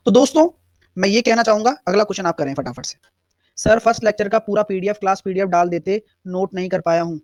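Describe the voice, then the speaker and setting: A man's voice: high-pitched, no room sound. A man teaching a live online math class, explaining step by step and answering students' chat questions. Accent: Hindi-English mix.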